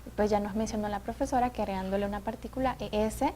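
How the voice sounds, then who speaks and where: A woman's voice: mid-range voice, steady tone, rapid-fire, mellow, a little hiss or hum. Woman hosting an educational show. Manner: attentive, frequent "ujú" backchannels, guides segments. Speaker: TV program host. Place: TV studio.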